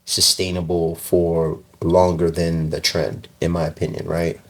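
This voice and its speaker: A man who grew up in the UK, a fashion designer guest, telling relaxed stories in casual interview chat, with many fillers and easy laughs. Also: sits low, unhurried.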